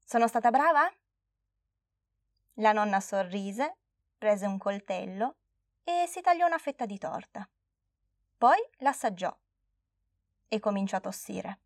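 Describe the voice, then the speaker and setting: A woman narrating a children's storybook in a clear, steady, expressive way. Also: mid-range voice, a little slow, long pauses, no echo, clean studio sound.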